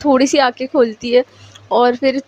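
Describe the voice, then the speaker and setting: A woman's voice: high voice, fairly even intonation, normal speed, darkish tone. A woman narrating a story in a casual, chatty way, slipping English words into her speech, in a lo-fi recording.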